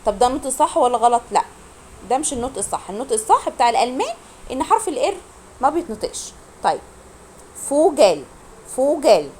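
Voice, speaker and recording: A woman with an Egyptian Arabic accent teaching a beginner German lesson online. She drills pronunciation, repeats words slowly and quizzes her students. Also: high voice, animated, slight background noise.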